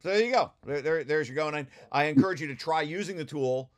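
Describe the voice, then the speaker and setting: A fairly high-pitched man talks fast as he presents a research paper to the study group he leads. It's an informal technical walkthrough over shared slides, and he keeps restarting and repeating his phrases.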